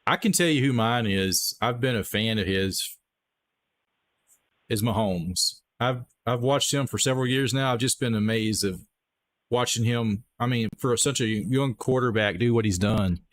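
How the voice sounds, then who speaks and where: A man's voice: medium pitch, moderate pace. A man with a Texas accent doing casual live play-by-play for a stream, chatty and upbeat, talking straight to his viewers. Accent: Texan. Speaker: livestream play-by-play host. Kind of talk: live play-by-play commentary with chat shout-outs.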